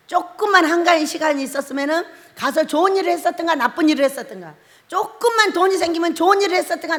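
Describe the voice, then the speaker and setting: A woman's voice: sits high, fairly bright tone. A middle-aged woman pastor preaching a sermon, telling stories with laughs and acted-out quotes. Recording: long hall reverb.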